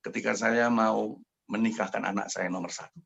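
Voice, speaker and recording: An older man preaching a sermon with a personal testimony, fervent, swinging from hushed tones to loud shouted prayer. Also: fairly low pitch, fairly even intonation, moderate pace, gravelly, breathy edge, dull audio. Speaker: pastor.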